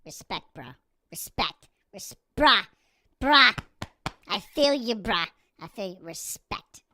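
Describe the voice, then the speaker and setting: A man's voice: high-pitched, lively intonation, takes it slowly, bright, forceful tone, slight background noise, voice pushed up, heavily acted. A man talking through a voice changer to voice his house cats, a haughty, boastful purebred queen cat. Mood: laid-back. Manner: sassy, boastful, drawling. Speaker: streamer voicing his cats.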